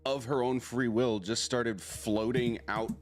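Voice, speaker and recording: A man narrating as game master of a tabletop role-playing game, speaking haltingly with many fillers. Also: medium pitch, steady tone, over music.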